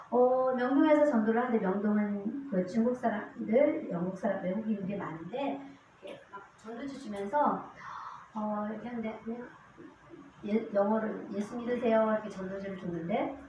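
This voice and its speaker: Speaking in a medium-pitched, dark voice over slight background noise, a woman deaconess reads scripture before telling earnest stories of evangelizing on the streets. She acts out the quoted voices. The sound comes from a distant mic in the church sanctuary, echoey and dull.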